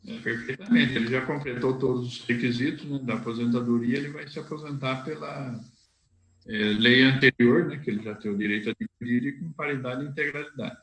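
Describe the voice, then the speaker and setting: A man's voice: medium pitch, fairly even intonation, a little fast, a bit bright, slight background noise. Man explaining rules in a roomy space. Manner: explanatory, checks in with tag questions. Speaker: lawyer. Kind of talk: answering questions on a live stream. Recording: roomy echo.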